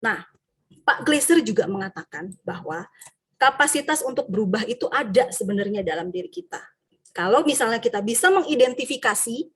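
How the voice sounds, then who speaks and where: A woman teacher from Indonesia, giving a lively workshop talk to fellow teachers and acting out student and teacher voices. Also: fairly high pitch, slightly rough. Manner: frequent tag questions.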